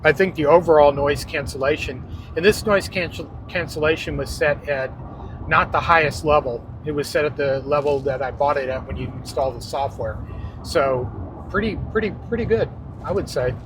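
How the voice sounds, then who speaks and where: Higher-voiced man reviewing gear in a car. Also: moderate pace. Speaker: podcast host. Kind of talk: casual product review chat. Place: inside a car. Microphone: wireless clip-on microphone. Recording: noisy vehicle interior.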